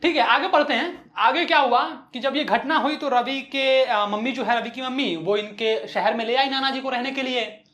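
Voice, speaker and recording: A woman's voice: sits high, normal speed, a bit bright, reverberant. A woman teacher explaining an English chapter line by line in Hindi, mixing in English phrases and acting out the characters' lines.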